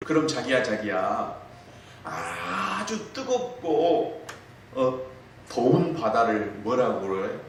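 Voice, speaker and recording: A pastor putting on the voice of a sweetly pleading newlywed bride. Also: male voice, medium pitch, big pitch swings, slow, vocal fry, exaggerated voice. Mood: cutesy. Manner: cutesy pleading. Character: cutesy newlywed Seoul bride, sweetly teasing. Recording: echoey hall, distant mic, faint noise.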